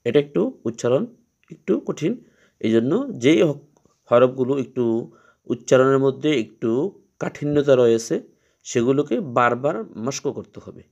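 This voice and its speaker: A man teaching Quran reading, explaining each letter patiently and repeating its sound slowly three times. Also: medium pitch, darkish tone, dull audio. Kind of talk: step-by-step letter lesson.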